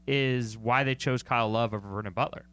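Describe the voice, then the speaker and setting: A man's voice: mid-range voice, fairly even intonation, fairly quick, fairly bright tone, clear, resonant tone. Chatty man breaking down football. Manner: chatty, self-correcting, joking. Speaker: sports podcast co-host. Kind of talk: casual sports talk.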